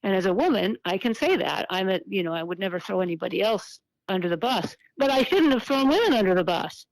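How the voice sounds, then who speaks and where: A middle-aged woman speaking earnestly and haltingly as an interview guest over an old flip phone call, often repeating words as she reflects. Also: medium pitch, expressive, no room sound. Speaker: interview guest, activist and author.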